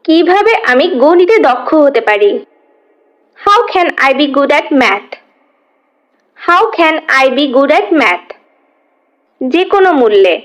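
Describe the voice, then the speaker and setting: A woman teaching English, reading a phrase quickly and then repeating it slowly twice in a drill. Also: high voice, a bit bright, rough recording. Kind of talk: slow phrase-by-phrase language drill.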